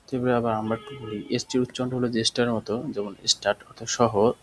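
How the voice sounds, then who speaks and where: A man's voice: on the low side, flat delivery, rapid-fire, soft background music, rough recording. A man teaching a language class, explaining step by step and answering his own questions. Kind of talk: spoken language lesson.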